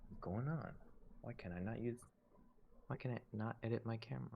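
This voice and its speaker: A man with a deep morning voice, joking crudely in casual chat on a video call. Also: a little fast, creaky, highs cut off, slight background noise. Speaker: podcast guest.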